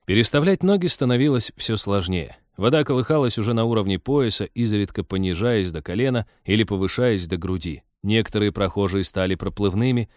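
A man narrating a science-fiction audiobook in a wry, even storytelling manner. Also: fairly low pitch, no room sound, clean studio sound.

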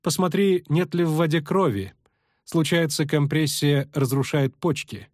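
A male reader voicing a calm, patient elven sorceress who speaks crisply and in command. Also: a little high, a little slow, dry recording, clean studio sound, voice pushed up, close to an everyday voice.

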